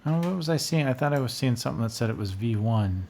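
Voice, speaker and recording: Speaking rapid-fire and animated, this middle-aged music producer hosts a casual screen-share video, thinking out loud in a medium-pitched, slightly mellow voice. He's recorded close on a boom-mounted studio condenser in a small indoor home studio, with slight background noise.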